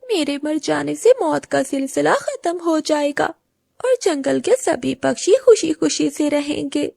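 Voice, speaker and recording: A woman's voice: high-pitched, lively intonation, a little slow, gravelly, darkish tone, dry recording. A woman voicing a grieving, outcast young female crow in a cartoon, tearful and pleading. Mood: despairing. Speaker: voice actor. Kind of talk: cartoon voice acting.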